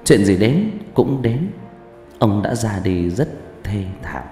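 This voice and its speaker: Brief: male narrator of a spooky tale, low and dramatic, long reverb, soft music bed. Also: very animated, slow pace. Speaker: storyteller. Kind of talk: first-person ghost story narration. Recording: echoey room, faint background music.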